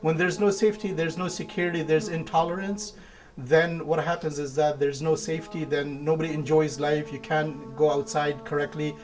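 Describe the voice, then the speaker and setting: Imam speaking in measured, listed points. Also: male voice, a little high, level tone, a little mellow, faint music behind. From India. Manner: measured, lists points one by one. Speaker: imam of a mosque. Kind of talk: interview answers.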